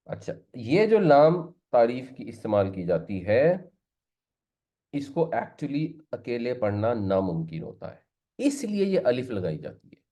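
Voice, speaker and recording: Male teacher, patient step-by-step explainer who mixes in English words, medium pitch, dull lo-fi recording. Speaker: Quran teacher. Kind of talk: classroom lesson on Arabic grammar. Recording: slightly muffled lo-fi recording.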